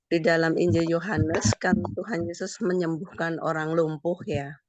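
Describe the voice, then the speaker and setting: A woman with a voice hoarse from coughing, politely asking a careful question in a Bible study group. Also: sits low, dry recording. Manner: polite, careful, reasoning aloud.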